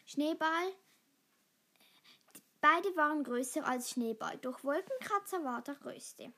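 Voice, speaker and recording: A woman reading a children's story aloud, halting now and then with small slips. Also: high voice, lively intonation, pushed and bright. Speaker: reader.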